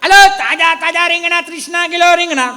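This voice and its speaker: Young veggie seller hollering, high and bright, a man puts him on. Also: brisk, long reverb tail, soft background music, heavily acted. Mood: hawking. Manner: loud hawking calls. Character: young male street vegetable seller.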